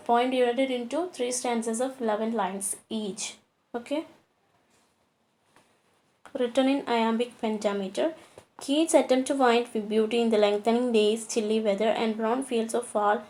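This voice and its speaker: A woman gives a poetry lecture. Her voice sits a little high, and her delivery is slow overall. She reads the English lines deliberately and hesitates over her explanations. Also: a little mellow. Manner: hesitant, with many fillers. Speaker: teacher.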